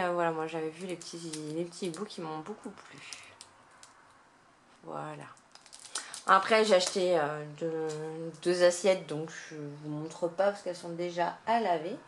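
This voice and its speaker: A woman's voice: on the low side, slight background noise. Chatty woman showing a craft haul. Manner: chatty, hesitant, frequent filler sounds. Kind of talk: casual haul chat to camera.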